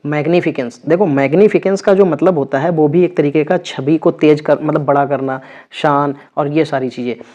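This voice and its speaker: Man teaching vocabulary, slightly high voice, repeats himself a lot, dull recording. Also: steady tone, moderate pace, a little mellow. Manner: repeats words with frequent check-ins. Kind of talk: exam vocabulary lesson.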